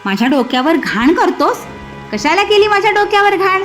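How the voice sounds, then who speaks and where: A woman voicing an angry, gullible male fox in a children's cartoon story, shouting and scolding. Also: very high voice, big pitch swings, fairly quick, faint music behind, pitched above the performer's own voice, heavily acted.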